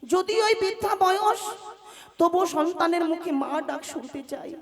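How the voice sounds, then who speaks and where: Woman playing an aging queen, shrill and sing-song. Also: expressive, unhurried, exaggerated voice. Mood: lamenting. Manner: pleading, sing-song delivery. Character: aging queen longing to be a mother. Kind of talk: folk stage drama acting. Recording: music playing behind.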